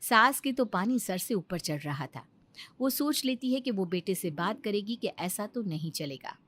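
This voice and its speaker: A woman narrating a cartoon story in an expressive, storytelling way. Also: medium pitch, normal speed. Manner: expressive, animated.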